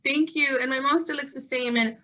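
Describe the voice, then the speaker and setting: A woman's voice: sits high, steady tone, fairly quick, sharp tone. A young woman from Guatemala, a community organizer, presenting earnestly over a video call with frequent fillers and restarts. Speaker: statewide organizer and guest speaker.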